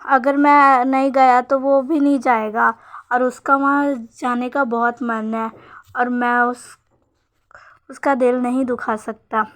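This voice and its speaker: Insistent young married man, coaxing, high and level as a woman reads a fan story. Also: fairly even intonation, slow pace, fairly bright tone.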